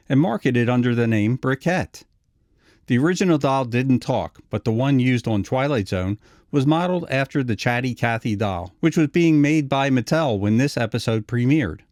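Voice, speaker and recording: A man's voice: medium pitch, darkish tone, no echo. Male narrator, dry close studio sound. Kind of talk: scripted narration, TV retrospective video essay.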